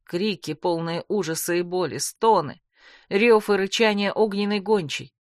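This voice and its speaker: A woman narrating a first-person fantasy audiobook with dramatic, expressive storytelling. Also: medium pitch, moderate pace, no room sound, studio quality.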